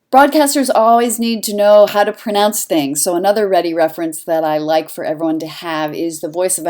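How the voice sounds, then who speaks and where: A woman with a slightly low voice talks through an online lesson like an instructor guiding students. She speaks clearly and conversationally, and her pitch jumps up for emphasis on key points. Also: darkish tone. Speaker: journalism instructor. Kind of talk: instructional voice-over narration.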